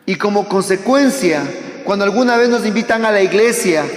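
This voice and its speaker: High-voiced fervent male preacher. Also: a little fast. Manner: fervent, addresses the audience directly; swings between loud exhortation and hushed tones. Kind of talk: sermon. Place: hall with a live audience. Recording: echoey hall with long reverb.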